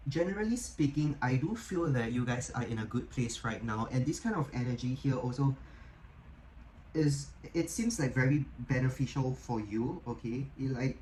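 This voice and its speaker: A man's voice: mid-range voice, expressive, moderate pace, slight background noise, poor audio. A man giving a casual, encouraging tarot reading, talking in a chatty way full of "like" and "okay?" checks. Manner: chatty, frequent "like" and "okay?" tag questions; gentle, encouraging tone. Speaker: tarot reader.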